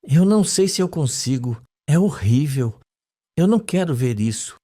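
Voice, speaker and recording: Here a man with a warm, slightly high voice reads a soap recap aloud at normal speed, his pitch swinging widely. He voices a scared young woman dreamily and shakily remembering a scene under hypnosis. Tension runs throughout.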